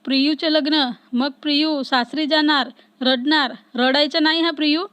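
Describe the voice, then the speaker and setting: Woman reading shy young woman, coy, playful, high voice, dry sound. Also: fairly even intonation, normal speed, fairly bright tone, dry recording. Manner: coy, bashful.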